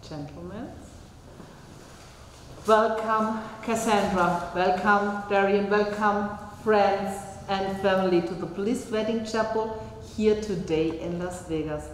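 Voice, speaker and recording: A woman's voice: medium pitch, fairly even intonation, slow. A woman officiating a wedding in a small chapel, speaking formally and leading the vows line by line. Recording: echoey chapel reverb, faint noise.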